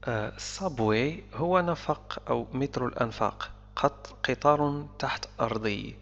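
A man with a gravelly, fry-edged voice teaches vocabulary in a calm, explanatory way, breaking each word down with short repeats. The recording has a long, hall-like reverb and a muffled, lo-fi tone. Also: medium pitch, measured pace. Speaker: English teacher. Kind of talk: explanatory language lesson.

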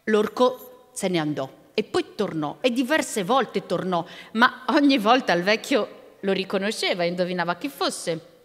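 A woman narrating a folk tale live on stage, with expressive, shifting delivery. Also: mid-range voice, normal speed. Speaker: storyteller. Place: live performance in a convent hall. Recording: long reverb of a stone hall.

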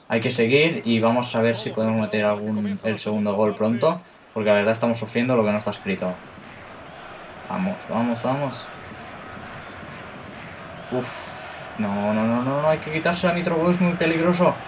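A young man with a Spain Spanish accent commenting live on his own football video game match, talking to his viewers and bursting into high shouts at goals and chances. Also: moderate pace, pauses often, noisy background. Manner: talks to viewers as "chicos" between plays. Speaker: gaming YouTuber.

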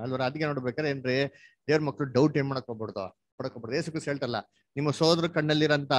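A man leading a Bible study with a somewhat high voice, recorded close and dry with no room sound. He keeps asking his listener questions and prompting her for answers. He mixes English words into his teaching. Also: dry recording. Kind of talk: interactive Bible study lesson.

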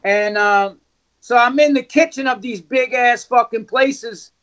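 A man's voice: extremely high pitch, unhurried, a bit bright. A man with a New York accent telling rowdy tour stories in casual chat, swearing often and acting out the people he quotes. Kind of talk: casual storytelling. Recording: muffled lo-fi audio.

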